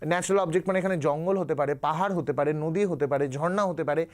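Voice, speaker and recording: A man with a Bengali accent teaching an exam coaching class, slowly explaining English words and reading passages in a mix of Bengali and English. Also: on the high side. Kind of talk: online class lecture.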